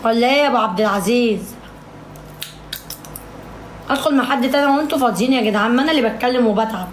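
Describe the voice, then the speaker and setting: A woman's voice: a little high, very fast, a little hiss or hum. A woman with an Egyptian Arabic accent chatting on a casual livestream, bickering and complaining at her viewers. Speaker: live streamer. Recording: echoey room.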